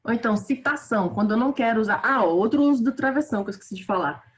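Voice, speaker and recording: A woman's voice: fairly high pitch, racing. A woman teacher with a Brazilian Portuguese accent, giving a casual, chatty grammar lesson and calling her students "gente".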